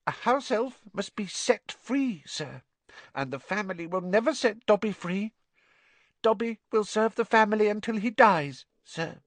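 A reader voicing a small male house elf in a storybook, high-pitched and squeaky, earnest, deferential and easily distraught. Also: expressive, a little slow, dry recording. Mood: resigned. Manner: deferential, speaks of self in third person.

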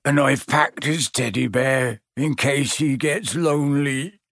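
A man voicing a big, soft-hearted, tearful gamekeeper who puffs and speaks in a muffled voice. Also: medium pitch, slow pace, vocal fry, no echo, studio quality, exaggerated voice. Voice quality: puffing, muffled.

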